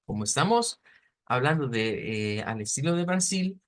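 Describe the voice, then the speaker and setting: A male language teacher, speaking at a middle pitch. He explains step by step with patience and often stops to check that his students follow him. His talk is full of small fillers and restarts. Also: sing-song, moderate pace. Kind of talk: online class lecture.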